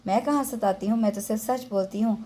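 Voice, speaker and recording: A woman reading as a lively young woman with a sharp, mocking tongue, her voice warm and mellow even as she pokes fun. The jokes come out playful and theatrical, straight from the pages of a storybook. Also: mid-range voice, fast, natural voice.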